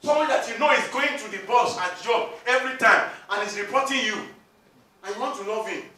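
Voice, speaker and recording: A Nigerian man preaching with a very high, bright, forceful voice that jumps into shouts and dramatic quoted lines. He stands back from the mic in a big echoing hall, so the sound rings and spreads. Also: brisk. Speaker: pastor. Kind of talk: sermon. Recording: echoey hall, speaker far from mic.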